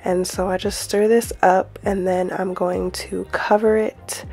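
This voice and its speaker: A woman's voice: medium pitch, level tone, a little slow, a little mellow. A woman hosting her own cooking channel, talking through a recipe in a friendly, easygoing voice-over.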